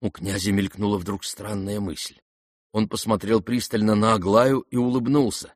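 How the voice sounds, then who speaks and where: A man giving measured, scripted narration of a literary novel. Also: fairly low pitch, steady tone, dry recording, clean studio sound. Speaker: audiobook narrator.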